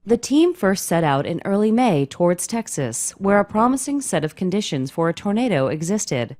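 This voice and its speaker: A woman's voice: medium pitch, big pitch swings, normal speed, darkish tone, soft background music. A woman reading scripted documentary narration.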